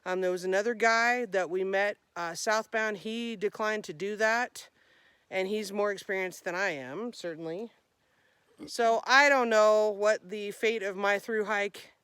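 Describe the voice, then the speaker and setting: A woman's voice: mid-range voice, measured pace, a bit bright, clean tone, no room sound. A woman talking casually for a vlog as a hiker, chatty and informal, thinking aloud as she goes. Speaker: vlogger, hiker.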